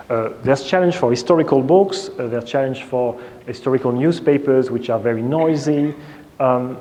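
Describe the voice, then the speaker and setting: After a conference keynote in a large hall, the keynote speaker answers audience questions in a mellow, mid-range voice. He sounds hesitant, with many fillers and restarts. The recording is reverberant with faint noise.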